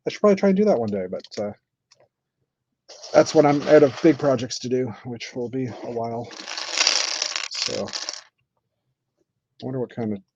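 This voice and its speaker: A man chatting casually on a live stream while building, thinking aloud with many pauses and fillers. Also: mid-range voice, noisy background. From Canada. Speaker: streamer building with toy bricks. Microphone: computer mic on live stream. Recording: dull lo-fi stream audio.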